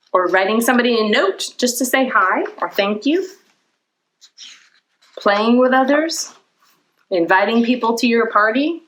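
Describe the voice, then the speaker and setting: This storytime host has a slightly high voice with a fairly bright tone, captured on a rough recording with a little hiss or hum. She reads to young listeners, keeps her explanations simple and often questions them.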